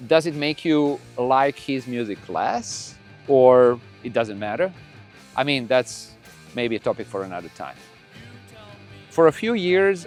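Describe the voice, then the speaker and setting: A middle-aged man from Croatia, a podcast host whose first language is Croatian, talking casually in a relaxed, rambling way with frequent restarts. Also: mid-range voice. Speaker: podcast host and record label owner. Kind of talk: casual monologue. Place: room full of records.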